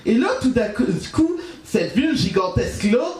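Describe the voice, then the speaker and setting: Halting Québécois man, high animated voice. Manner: halting, full of restarts and "comment dire". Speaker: open-mic storyteller. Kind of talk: rambling comic story on stage. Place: café stage at an open-mic night. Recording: roomy live café recording from off-mic.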